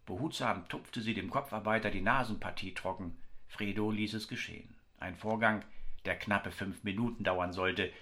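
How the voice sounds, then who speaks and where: A man's voice: fairly low pitch, normal speed, sharp tone. A man reading a story aloud with wry, ironic narration.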